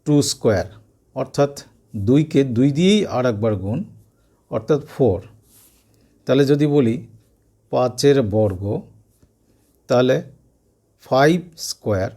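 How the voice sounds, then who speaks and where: A man's voice: medium pitch, lively intonation, warm tone. A man teaching a maths lesson to school students, explaining step by step and repeating key points. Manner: slow, step-by-step explaining with repetitions.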